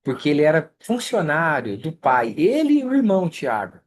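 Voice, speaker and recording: A study group leader with a Brazilian Portuguese accent teaches an online scripture class. The talk is easygoing and conversational and often pauses to check in with listeners. It is heard through a video call microphone. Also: medium pitch, huge pitch swings, a little hiss or hum.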